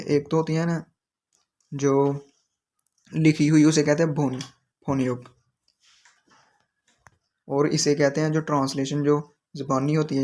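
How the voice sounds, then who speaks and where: Male teacher, even flat delivery, slow repetitive explanations. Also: on the high side. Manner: explains each word slowly and repeats it. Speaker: Korean language teacher. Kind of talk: explaining vocabulary in a lesson.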